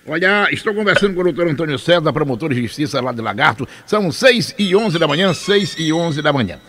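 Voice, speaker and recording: Um homem, apresentador de rádio, conduzindo uma entrevista matinal com perguntas diretas. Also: male voice, a little high, lively intonation, a little fast, fairly bright tone. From Brazil. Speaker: radio host. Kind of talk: morning radio interview.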